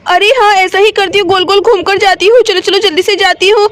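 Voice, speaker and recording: A woman's voice: very high voice, fairly even intonation, a little fast, fairly bright tone, slight background noise. A woman voicing a sick mother in a doll story, fretting anxiously and asking over and over what to do. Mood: panicked. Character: sick, tied-up mother, fretful and panicky.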